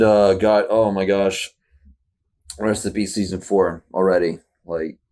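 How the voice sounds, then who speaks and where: A man in casual reaction commentary, rambling and slangy, excitable and poking fun at himself. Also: lowish voice. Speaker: YouTube reactor.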